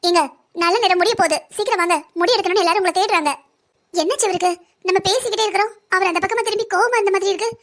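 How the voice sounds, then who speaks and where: A man voicing an anxious, pleading young wife in a cartoon family drama, with a strained falsetto. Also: racing, a bit bright. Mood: worried.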